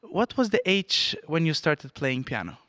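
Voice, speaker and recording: A man's voice: on the high side, very animated, unhurried, bright, forceful tone, dry recording, clean studio sound. A man born in Bulgaria hosting an interview for an orchestra, talking hesitantly with many fillers and restarts. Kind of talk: conversational interview.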